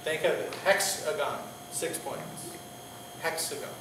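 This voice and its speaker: A man, a pastor, teaching an informal Greek class, talking in a halting way with many fillers and restarts and joking with his students. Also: a little high. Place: church classroom. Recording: roomy, distant classroom recording with faint hiss.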